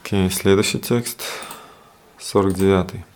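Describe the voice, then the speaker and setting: A man with a deep, low voice leads a scripture study class. He explains loosely and conversationally, circling back with fillers and asides as he goes. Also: steady tone, a little slow, darkish tone, slight background noise.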